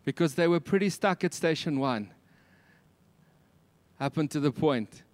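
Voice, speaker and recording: A male preacher with a South African Afrikaans accent and a notably high voice delivers a sermon. He speaks emphatically, leaning on repetition and rhetorical questions, and the sound is dry and close. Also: lively intonation, a little slow, no echo.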